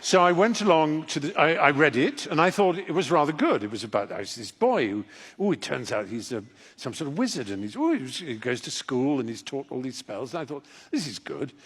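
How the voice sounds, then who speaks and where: An older man spins a rambling, self-deprecating anecdote for a live audience, his voice rising and falling with lively swings in pitch. The tone is a little husky, and he keeps stopping and restarting his sentences as he goes. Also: a little fast. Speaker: actor and audiobook narrator.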